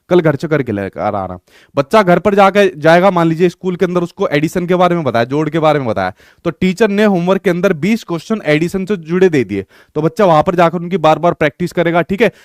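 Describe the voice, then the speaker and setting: Young male teacher, slightly high voice, patient explainer, dry close sound. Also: dry recording. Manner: explanatory, repeats "ठीक है" often. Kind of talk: exam-prep lecture.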